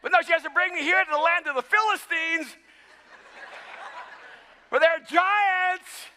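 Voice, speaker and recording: High, bright-voiced man preaching in a hall. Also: unhurried, a little hiss or hum. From El Salvador. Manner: animated, self-mocking humor with frequent stammered restarts. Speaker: pastor. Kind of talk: sermon. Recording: long hall reverb.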